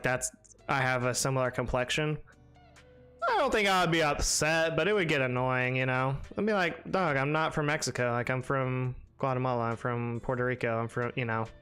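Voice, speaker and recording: A man's voice: mid-range voice, sharp tone, clear, resonant tone. A young man streaming a game live, chatting casually and rambling with lots of fillers while answering his chat.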